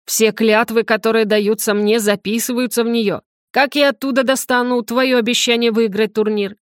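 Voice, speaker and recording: A woman's voice: fairly high pitch, fairly even intonation, normal speed, no room sound, clean studio sound, close to an everyday voice. A woman doing a stern, scolding rector. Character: hungover irritable male academy rector.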